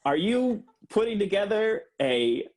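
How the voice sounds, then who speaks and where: A man doing an earnest, deadpan mock lecture for a comedy podcast, with lots of hesitant fillers. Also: sits high, a little slow.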